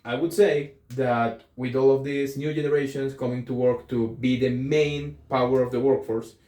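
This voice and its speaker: This young vlogger with a Colombian accent has a mellow, steady, mid-range voice at normal speed. He muses casually to camera in an echoey room, often saying um and correcting himself as he reflects.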